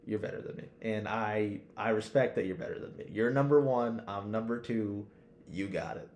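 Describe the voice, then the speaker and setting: Speaking at normal speed in a lowish, darkish voice, this man co-hosts a podcast where the anime talk is casual, slang-heavy, and thick with swearing. The sound comes across roomy and echoey.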